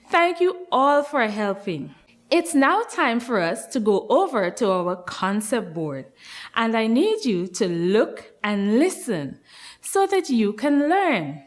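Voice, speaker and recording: Female kids show host and nursery teacher, very animated delivery, unhurried, encouraging, leaves room for answers. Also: fairly high pitch. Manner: slow, encouraging, sing-song questions with pauses. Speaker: nursery teacher hosting a children's lesson. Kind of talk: kids show host addressing young children.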